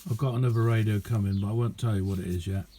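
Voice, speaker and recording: Talking very fast, this middle-aged man has a warm, lowish voice with fairly even intonation. He's an amateur radio hobbyist casually presenting his kit on video from a small indoor radio room, chatting in a rambling, modest, self-deprecating manner over slight background noise.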